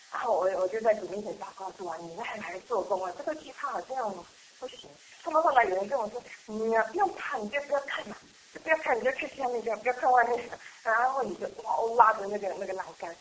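A middle-aged woman sharing a personal church testimony in a chatty, halting way, with frequent laughs and restarts. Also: a little high, a little hiss or hum, poor audio. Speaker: church member giving a testimony. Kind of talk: casual spoken testimony.

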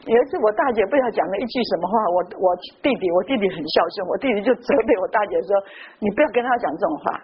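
A woman's voice: medium pitch, very fast, hardly any pauses, slightly rough. A middle-aged woman from Taiwan, preaching a sermon full of personal stories and tagging her phrases with little "ha"s. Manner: lively, tags phrases with "ha". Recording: dull lo-fi with faint hiss.

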